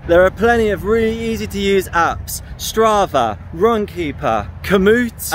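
A man in his thirties giving an encouraging, emphatic motivational vlog talk to camera, held at arm's length outdoors. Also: high-pitched. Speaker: running vlogger and host. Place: outdoors in grassy park. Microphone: handheld camera at arm's length. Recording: outdoor ambience and noise.

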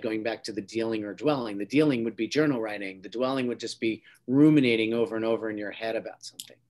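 A man, a psychologist, giving a calm instructional talk on stress and breathing techniques, guiding listeners step by step with frequent restarts. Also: medium pitch.

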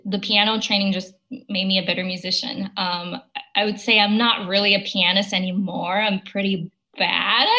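Interviewed as a guest over a video call, a young Chinese woman who sings opera replies in a bright, crisp voice at a middle pitch for a woman. Her answers are considered, peppered with "um"s and soft laughter, though the recording itself is low quality.

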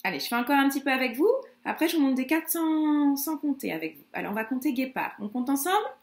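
Une enseignante qui parle à de jeunes enfants et scande lentement les syllabes des mots avec une intonation chantante. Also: female voice, high voice, animated, reverberant. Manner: slow, syllable-by-syllable counting with sing-song emphasis. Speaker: kindergarten teacher. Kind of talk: teaching young children.

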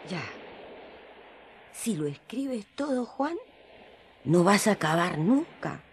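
Slow-spoken, humble old Mary. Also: female voice, mid-range voice, very animated, noisy background. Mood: wry, gentle. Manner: unhurried, homely, gently teasing. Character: Mary, elderly mother of Jesus, humble, wry, affectionate. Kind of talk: radio drama acting in colloquial Spanish.

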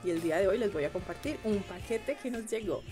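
A young Colombian woman, a beauty vlogger, gushes her way through an unboxing in a chatty, mid-pitched voice that's expressive and fairly quick. She exclaims a lot and speaks straight to her viewers while faint music plays underneath.

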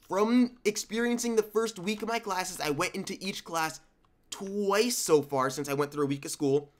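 A man's voice: high voice, fairly bright tone. Young man with a sick voice, rambling. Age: young adult. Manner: rambling, conversational, restarts. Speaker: gaming YouTuber. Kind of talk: casual voice-over commentary. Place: at home.

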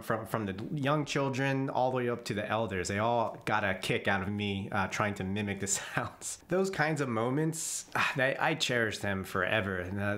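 A man tells his jungle memories as a relaxed voice-over, with a voice sitting a little low. He chuckles as he goes and often trips and restarts mid-sentence. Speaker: vlogger telling jungle memories. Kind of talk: casual storytelling voice-over. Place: voice-over, not recorded in the jungle.

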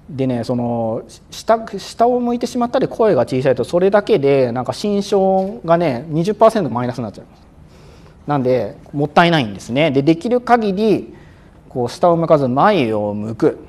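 A male exam prep instructor giving a lecture, speaking crisply and a bit loudly on purpose, with frequent fillers, sometimes acting out examiners. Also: a little high, big pitch swings, normal speed. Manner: acts out examiners and exam-day self-talk.

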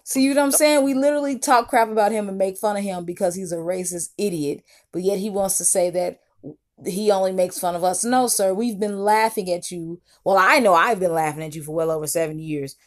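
A woman talking with open scorn as she comments on clips, her voice pitched in an ordinary middle range. She lectures and mocks in a steady stream of reaction commentary. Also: brisk. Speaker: YouTube commentator.

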